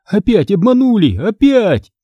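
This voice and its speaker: Indignant schoolboy put on by a man, loud outbursts, husky, high. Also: wildly swooping pitch, normal speed, no room sound, highs cut off, heavily acted. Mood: angry. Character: angry schoolboy, loud and stubborn.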